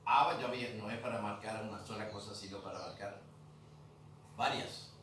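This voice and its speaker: A man's voice: on the low side, fairly even intonation, moderate pace, a bit bright. A man teaching a grammar class in a museum room, patiently repeating terms and checking that students follow. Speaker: language teacher. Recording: echoey room, mic far off, faint noise.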